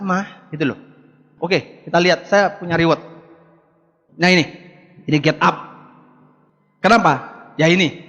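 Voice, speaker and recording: In a large hall before a live crowd, a man in his forties delivers a forceful seminar talk as a motivational business speaker, speaking to the audience directly and repeating rallying words. His voice sits high with a fairly bright tone, heard through an echoey, dull lo-fi recording.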